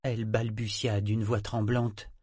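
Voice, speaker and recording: Homme narrateur à la voix grave. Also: male voice, lowish voice, level tone, unhurried, darkish tone, no echo, clean studio sound. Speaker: audiobook narrator. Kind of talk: scripted narration.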